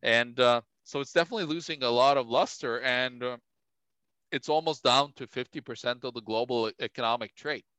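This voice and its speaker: A man's voice: mid-range voice, brisk, bright, forceful tone, clean tone, no room sound. A man co-hosting a casual podcast, chatty and full of "like" and "you know". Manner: chatty, heavy on "like" and "you know", laughs often. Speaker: co-host.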